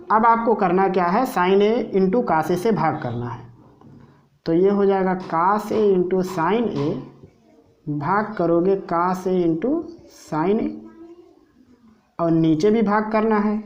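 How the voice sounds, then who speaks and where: Slow, mellow woman teaching math. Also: on the low side. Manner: patient, walks through each step aloud. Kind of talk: step-by-step math lesson. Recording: dull lo-fi recording.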